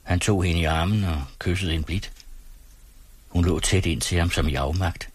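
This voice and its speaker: Dyb mandestemme læser lydbog, rolig og afmålt, lidt hæs. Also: male voice, deep voice, slightly rough, no room sound. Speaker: audiobook narrator. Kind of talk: scripted narration.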